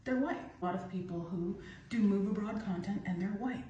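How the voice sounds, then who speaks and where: An American woman, a vlogger living abroad, talks candidly to camera at home, sharing opinions in a casual talking-head vlog full of "like." Her mid-range, mellow voice is fairly quick with fairly even intonation. The lo-fi audio has a little hiss or hum, roomy echo, a distant mic and faint ambience.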